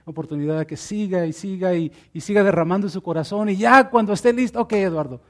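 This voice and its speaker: A preacher voicing God as a patient, gently amused father speaking softly about a struggling believer. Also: fast. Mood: tender amused. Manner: soft, low and indulgent.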